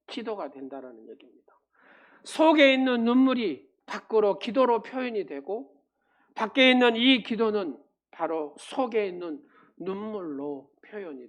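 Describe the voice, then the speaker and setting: A man preaching a sermon as a pastor. He drops to quiet murmurs, then climbs to loud, emphatic peaks and puts rhetorical questions to the congregation. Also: high-pitched, lo-fi sound.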